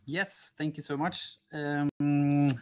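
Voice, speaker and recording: A man's voice: fairly high pitch, little pitch movement, takes it slowly, a little mellow, clear, resonant tone. A man in his thirties from Norway, a guest on a video call, speaking earnestly and steadily. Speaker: guest, founder.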